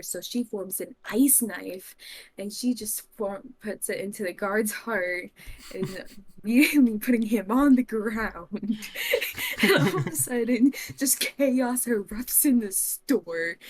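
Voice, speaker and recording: A woman's voice: on the low side, slight background noise. A woman on a podcast, telling a made-up tabletop fantasy story in casual talk and often giggling. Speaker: podcast co-host.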